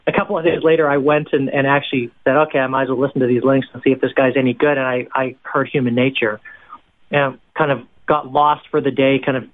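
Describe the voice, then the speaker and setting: A man's voice: mid-range voice, flat delivery, a little fast. Chatty man from Canada on a phone line. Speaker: worship pastor, songwriter. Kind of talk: interview guest, casual storytelling.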